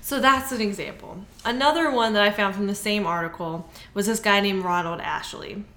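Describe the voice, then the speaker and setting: Woman, casual podcast chat, swears freely, acts out quotes, mid pitch, echoey room. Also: moderate pace, pushed and bright. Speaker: podcast co-host.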